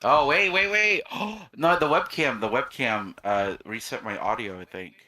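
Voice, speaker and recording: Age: adult. Sex: man. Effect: tinny echoey webcam mic, like inside a metal can. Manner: bright, pushed voice. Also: medium pitch, a little slow. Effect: tinny, echoey webcam mic, like talking inside a metal can. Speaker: podcast co-host. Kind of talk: casual chat.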